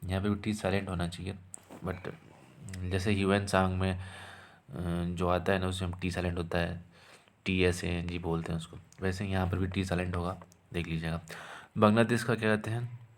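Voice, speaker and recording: A man's voice: sits low, flat delivery, normal speed, a little hiss or hum. A man teaching an exam-prep lesson, asking questions and answering them himself, repeating key terms to drill them in.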